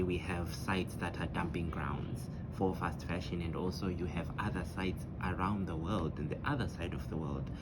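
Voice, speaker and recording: A man from Zimbabwe talks in a very deep voice, earnest and explanatory, with fillers and restarts. His speech sits over loud background noise. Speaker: guest. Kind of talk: casual conversational talk.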